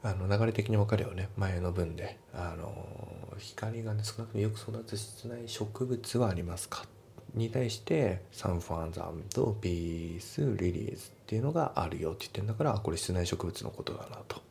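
A man teaching English test listening and grammar, explaining in a relaxed, chatty way with frequent fillers. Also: low-pitched, brisk, vocal fry, a little hiss or hum.

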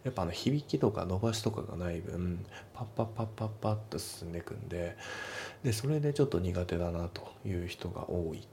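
A man walks through a test-prep English lesson in a methodical way, repeating each pronunciation contrast. His voice sits very low with a gravelly fry, and his tone is dark and mellow. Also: lively intonation, fairly quick, a little hiss or hum. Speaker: English teacher.

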